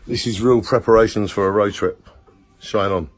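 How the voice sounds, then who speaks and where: A man in his forties filming a casual home vlog on a phone at arm's length, rambling upbeat and dropping into soft murmurs. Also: lowish voice, fairly even intonation, normal speed, music in the background. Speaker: vlogger. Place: small home, indoors. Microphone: phone held at arm's length.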